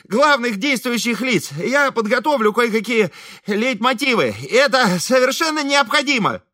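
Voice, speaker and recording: Guy playing a pompous composer, higher voice, bit distant, storybook. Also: lively intonation, moderate pace, pushed and bright, heavily acted.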